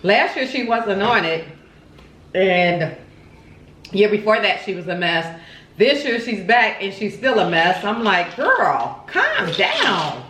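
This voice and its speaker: A woman's voice: mid-range voice, unhurried, long pauses, a bit bright, a little hiss or hum. A woman hosting a casual mukbang, chatting expressively and repeating words for emphasis while chewing her food. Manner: chewing and eating while talking. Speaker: vlog host. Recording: roomy, echoey home recording.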